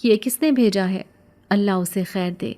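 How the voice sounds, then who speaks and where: A woman's voice: mid-range voice, warm tone, lightly acted. A woman voicing a kindly elderly woman who praises and blesses, in a storybook. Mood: admiring. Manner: blessing, admiring.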